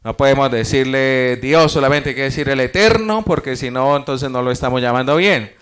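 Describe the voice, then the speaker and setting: A man's voice: mid-range voice, a little fast, fairly bright tone, clean tone. A man teaching a church Bible study class, explaining step by step, posing rhetorical questions and addressing the congregation as brothers.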